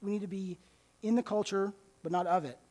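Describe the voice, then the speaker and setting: A man's voice: high-pitched, fairly even intonation, a little fast, a little mellow. A man giving a conversational church talk, often restarting words and checking in with his listeners. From United States. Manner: conversational, repeats words while restarting, checks in with "okay?" and "right?". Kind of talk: sermon-style talk.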